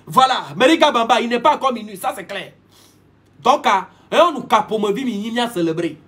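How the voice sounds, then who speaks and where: A man holds forth in a live-stream monologue, preachy and repetitive, hopping between languages. His voice sits very high for a man and sounds husky, and it rises and falls in lively swings. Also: a little fast. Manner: preachy, repetitive, switching languages mid-sentence. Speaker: livestream host.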